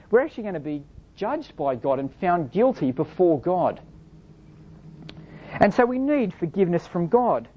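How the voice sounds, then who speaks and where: Female preacher, lowish voice, earnest and explanatory, dull lo-fi recording. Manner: earnest, explanatory, rhetorical questions. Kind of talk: sermon.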